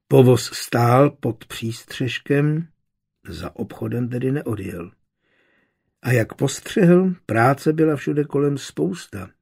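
A male narrator reads a historical novel in a measured, steady way. His voice is gravelly with a husky edge, pitched in the middle range for a man. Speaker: audiobook narrator.

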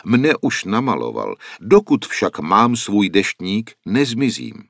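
A man's voice: lowish voice, very animated, a bit bright, no room sound, clean studio sound, full character voice. A man voicing an old wandering painter who explains in an earnest, solemn way. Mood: grave. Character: old wandering male painter, grave and worried.

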